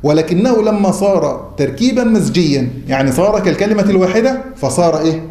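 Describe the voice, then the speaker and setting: Quick and animated, a high-voiced man with a dark tone and Egyptian accent delivers a class lecture, throwing questions at students before answering them himself. The setting, a classroom or mosque hall, sounds roomy with faint noise.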